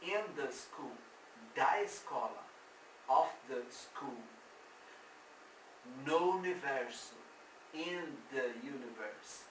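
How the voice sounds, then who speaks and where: A man, teaching English grammar in a slow, drawn-out way and repeating each example. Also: medium pitch, expressive. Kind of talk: explaining grammar at a board. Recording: echoey room from far off, faint noise.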